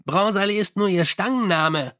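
A man's voice: high voice, moderate pace, a bit bright, no echo, clean studio sound, pitched above the performer's own voice. A man reading an audiobook and voicing a scruffy, chatty male corporal who talks eagerly and without embarrassment.

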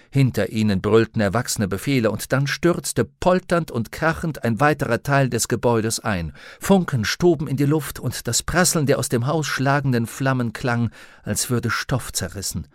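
Male audiobook narrator, measured and dramatic, mid-pitched voice, dry close recording. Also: no echo. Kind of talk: scripted narration.

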